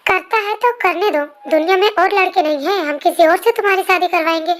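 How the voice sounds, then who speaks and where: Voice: very high voice, a little fast, a bit bright, slight background noise. A performer voicing a strict, worried mother who scolds sharply, in an amateur fan dub voice-over. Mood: scolding.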